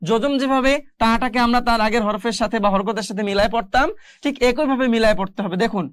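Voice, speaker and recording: Female Quran tutor, a little high-pitched, slow and patient, drills letter sounds one syllable at a time, dry close recording. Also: dry recording. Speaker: Quran reading teacher. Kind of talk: spelling out Arabic letters in a beginner lesson.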